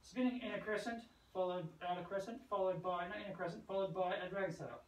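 Speaking fast in a high voice with fairly even intonation, a middle-aged man gives a casual, playful hands-on martial arts lesson, moving around and tossing in sound words. The recording comes from a distant camera mic on a covered brick veranda outdoors, roomy and noisy.

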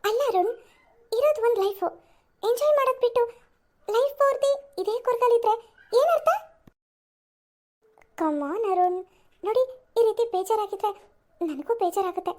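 Woman doing a sly sweet-talking office temptress, very high. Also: moderate pace, pauses often, a little mellow. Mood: flirty. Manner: sweet-talking, wheedling, then cold and selfish.

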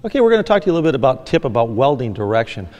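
A man's voice: mid-range voice, sing-song, racing, big-room sound, lo-fi sound, over music. A middle-aged man from Michigan, a fab shop owner giving a plain, practical welding lesson, often saying "actually". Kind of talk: instructional demonstration. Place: large indoor workshop.

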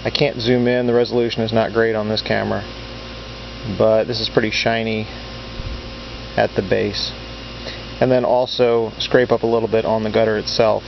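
An amateur radio hobbyist and video maker walks through a how-to project casually and matter-of-factly, showing his work. His lowish voice is flat, at normal speed with long pauses, recorded on a handheld camera's built-in mic that sounds dull, with clear hiss and hum.

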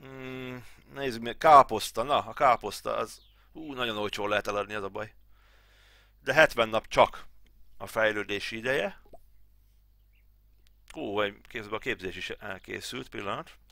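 Gravelly-voiced man talking through a farm game. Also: fairly low pitch, long pauses, bright, forceful tone, dry recording. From Hungary. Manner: thinking aloud, chatty, mutters to himself. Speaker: gaming channel host. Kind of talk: casual game tutorial commentary.

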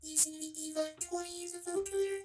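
A man's voice: very high voice, flat delivery, fairly quick, loud music behind the voice, pitched above the performer's own voice. A man's voice run through a vocoder with formant shifting, which gives it a synthetic, robotic sound. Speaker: music production instructor. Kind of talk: demonstration sample, repeated phrase.

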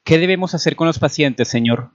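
A man's voice: mid-range voice, normal speed, no echo, voice pushed up, close to an everyday voice. A man reading aloud and voicing a nervous army doctor who speaks hesitantly and fearfully to his superior. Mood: timid. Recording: dull lo-fi recording.

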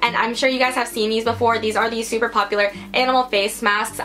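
A young woman from the United States talks straight to the camera in a casual beauty haul, chatty and upbeat. Her voice sits a little high and sounds bright and crisp, with soft music playing faintly behind her. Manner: chatty and upbeat, lots of "like" and "you guys". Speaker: beauty vlogger. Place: her room indoors.

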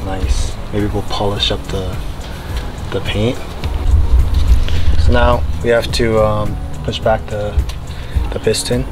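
A man's voice: on the low side, slow pace, long pauses, poor audio. A young man casually talking through a brake job step by step as he works outdoors. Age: young adult. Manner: relaxed, step-by-step, talking while doing the job. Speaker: vlogger. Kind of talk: casual how-to narration while working. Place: outdoor driveway by a garage. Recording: loud background music. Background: music.

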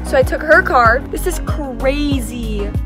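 A young woman hosting a casual vlog, bubbly and excitable and quick to laugh. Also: high voice, music in the background. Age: young adult. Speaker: vlogger host.

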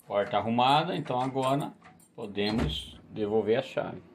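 A man's voice: mid-range voice, moderate pace, noisy background. An older man, a grandfather, playfully coaxing his grandchild with repeated mock-serious questions.

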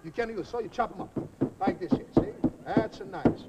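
This comic cook is voiced by a man speaking in a very high, sing-song, exaggerated way at a moderate pace, with vocal fry. He plays a jolly Italian cook from the old country, accented and rambling in broken English, in a live comedy sketch. The audio is dull and noisy, an old recording full of audience laughter.

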